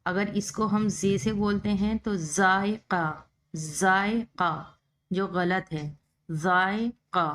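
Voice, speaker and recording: A woman's voice: medium pitch, steady tone, slow, hardly any pauses. A woman teaching Urdu, spelling words out letter by letter and repeating each one. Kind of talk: slow spelling-out lesson.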